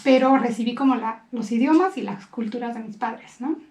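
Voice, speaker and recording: A woman's voice: fairly high pitch, moderate pace, echoey room. A young woman who grew up in Belgium, speaking as a guest in a casual chat, telling stories with energy. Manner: lively, storytelling.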